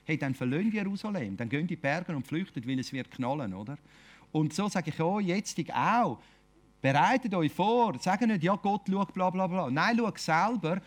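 A man with a Swiss German accent preaching an informal sermon, talking conversationally and often ending phrases with a questioning tag. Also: a little high. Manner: conversational, keeps asking "oder?".

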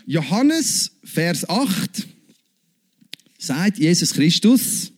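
A man preaching a sermon, emphatic, with big swings in pitch and repeated calls of Amen. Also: sing-song, drawn-out words.

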